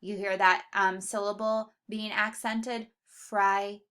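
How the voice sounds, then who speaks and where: Lady teacher going over spelling words real slow, bright voice. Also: on the high side. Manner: slow, careful, stretches out example words. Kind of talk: spelling lesson for students.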